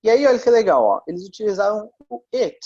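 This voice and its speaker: A man's voice: high voice, sing-song, quick pace, dark tone, dry recording. Man, English teacher, chatty explainer, dull lo-fi recording, dry sound. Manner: chatty, checks in often with listeners. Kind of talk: explaining grammar in a class.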